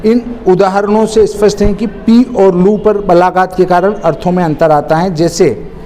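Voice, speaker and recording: A man teaching a grammar lesson, slow and deliberate, drawing out single words and repeating key terms. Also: high voice, steady tone, mellow. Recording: hall reverb with faint noise.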